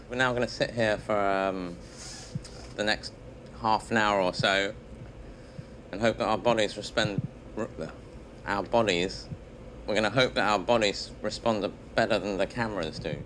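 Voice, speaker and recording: A man presenting from inside a pressure chamber, talking with a lisp and a strangely thin, high voice. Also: steady tone, unhurried, noisy background. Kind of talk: casual on-camera explanation.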